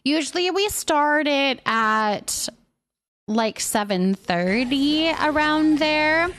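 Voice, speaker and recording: A woman hosting a casual livestream talks slowly and expressively, her voice high and fairly bright. She chats while reading and answering comments, often affirming things by repeating her phrases.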